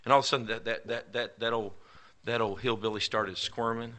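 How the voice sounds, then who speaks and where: A man's voice: medium pitch, a little fast. Emphatic Texan preacher man. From East Texas, US South. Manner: animated, emphatic preaching with folksy asides. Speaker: pastor. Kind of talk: sermon.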